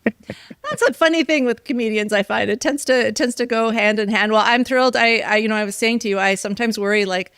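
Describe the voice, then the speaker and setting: A woman's voice: fairly high pitch, a little fast, fairly bright tone, clean tone, dry recording, studio quality. A woman hosting an interview podcast, chatty and prone to restarting her sentences. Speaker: podcast host. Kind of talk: casual interview chat.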